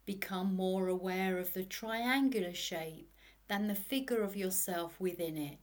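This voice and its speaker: A woman narrating a guided meditation in a soothing sleep story manner, hushed and unhurried, leaving long pauses. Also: mid-range voice.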